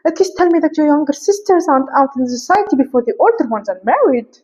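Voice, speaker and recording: A woman's voice: sits high, expressive, fast, a little mellow, pitched above the performer's own voice. A woman putting on an imperious, haughty grand lady. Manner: grand put-on accent, clipped questioning. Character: haughty rich older noblewoman, imperious. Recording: muffled lo-fi recording.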